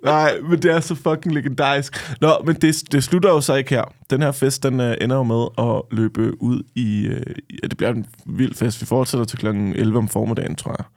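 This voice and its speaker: A man's voice: mid-range voice, fairly even intonation, hardly any pauses, a little mellow, no echo, studio quality. A man in his thirties co-hosting a podcast, telling crude party stories with lots of swearing and laughter. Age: 30s. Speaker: podcast co-host. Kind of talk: casual storytelling chat.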